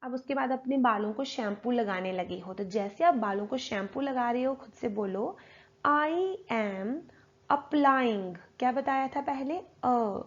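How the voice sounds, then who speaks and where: A woman's voice: fairly high pitch, normal speed, few pauses, a little mellow. A woman teaching spoken English, explaining in Hindi and drilling pronunciation word by word. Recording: dull lo-fi recording.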